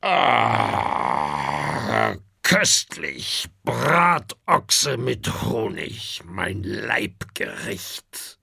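Guy reading a kids book doing a big greedy dragon dad, hoarse and grumbly, slow and gravelly. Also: on the low side, big pitch swings, sharp tone, no echo, clean studio sound, voice pushed down, heavily acted. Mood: gruff grumbling. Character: huge greedy male dragon, gruff glutton.

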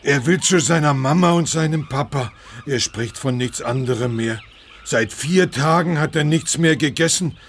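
An actor playing a kind, worried young zoo helper who talks earnestly and gently in a children's audio drama. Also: male voice, a little high, moderate pace, slight background noise, natural voice. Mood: pleading.

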